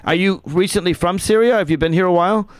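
A man's voice: high voice, fast talker, clear, resonant tone, no echo. A man in his forties hosting a talk radio show from a small studio, speaking earnestly and emphatically into a close microphone. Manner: earnest, emphatic, repeats words when starting. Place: small home studio by a window. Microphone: studio mic with headphones.

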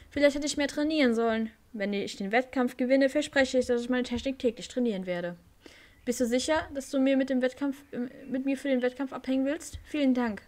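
A woman's voice: sits high, pitched above the performer's own voice, close to an everyday voice. A woman voicing Ricky, a nervous young male rider in a horse game, reading his lines aloud with small slips.

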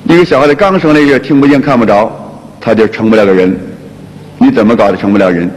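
A man teaching a qigong lecture, talking in a colloquial, lively way and often repeating his phrases. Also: mid-range voice, fast. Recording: long hall reverb.

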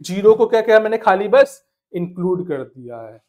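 A man's voice: high-pitched, normal speed. Male math tutor, exam prep lesson, keeps firing questions at the class and answering them himself, says my dear a lot. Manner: calls listeners "my dear", mixes English terms into Hindi; counts numbers aloud in steady rhythm. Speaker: math teacher.

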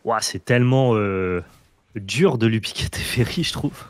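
A man's voice: lowish voice, measured pace, no echo. A man co-hosting a card game video, coaching the player and explaining plays patiently in casual chat. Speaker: co-host advising the player.

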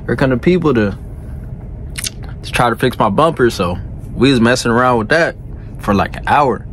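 A thirtysomething trucker records a casual late-night vlog from his cab, phone held close at arm's length. He's animated yet laid-back, mid-range and moderately paced, full of slang and "you know what I'm saying," with slight hiss or hum on the audio.

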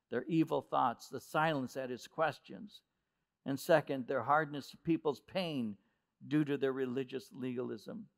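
A male pastor delivering a sermon in a relaxed, conversational way, often restarting a phrase before pushing on. His voice has a gravelly edge at an ordinary middle pitch. He slows right down to lean on the key words. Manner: conversational preaching with repeated restarts.

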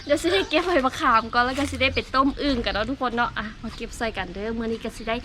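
A woman's voice: on the high side, racing, bright, forceful tone, slight background noise. A Lao woman from southern Laos hosting a cooking vlog, chatting casually and teasingly with viewers while she cooks outdoors.

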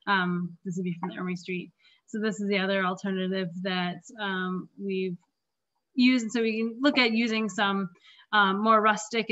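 A woman's voice: mid-range voice, a bit bright. Woman losing her voice, presenting plans. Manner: halting, many fillers and throat clearing. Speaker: park planner presenting at a community meeting. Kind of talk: presentation over slides. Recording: dull lo-fi meeting audio.

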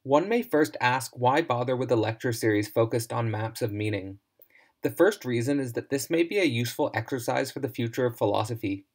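A man narrating a scripted philosophy lecture in a measured, formal reading voice. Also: mid-range voice.

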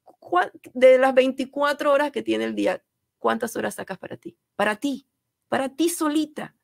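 A middle-aged Panamanian woman speaks as a guest in a studio interview, earnest and emphatic, often repeating a phrase to drive it home. Her voice has a gravelly, fry-touched edge. The sound is close and dry, with no room around it. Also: high voice, normal speed, no echo. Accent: Panamanian Spanish. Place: radio studio.

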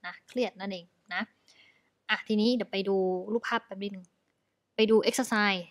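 A woman with a Thai accent, teaching English vocabulary online, explaining in Thai and mixing in English words with many soft particles. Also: medium pitch, steady tone, normal speed.

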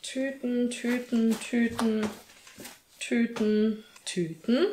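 A woman's voice: a little high, fairly even intonation, extremely slow, dark tone, slight background noise. A young woman in her twenties talks casually to the camera in a lifestyle vlog. She sounds chatty and upbeat as she lists her chores in a small apartment. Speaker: lifestyle vlogger. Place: small bright apartment room, indoors.

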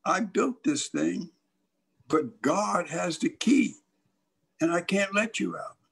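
A man voicing old Noah, a calm and steady patriarch, speaking gently and coaxingly in a low, husky voice. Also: takes it slowly, heavily acted. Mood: firm.

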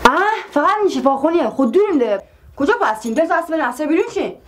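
An actress playing a calm, practical young woman who teases and soothes the others in a sitcom. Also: sits high, slight background noise. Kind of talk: sitcom acting. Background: music.

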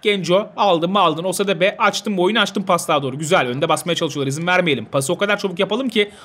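A young man commentating his own football video game, talking to his players like a coach and shouting when goals go in. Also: high-pitched, fast talker. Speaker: gaming video host.

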